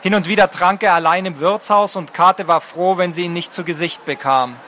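A man narrates a fantasy audiobook in a measured, expressive reading. His voice is fairly high and bright. Faint outdoor noise sits behind him.

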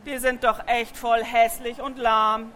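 A woman's voice: a little high, level tone, measured pace, fairly bright tone, a little hiss or hum. A woman voicing an arrogant young horse who sneers at donkeys in a children's audiobook. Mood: sneering.

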